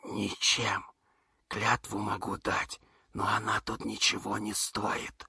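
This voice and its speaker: A calm male monster speaks in a metallic, hollow voice that sounds like it rings out of a barrel, as a man reading a story puts it on. The tone is harsh, glaring and heavily gravelly, and the words come out slow and flat. It sounds dry and close. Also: fairly low pitch, no room sound, exaggerated voice. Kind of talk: audiobook reading.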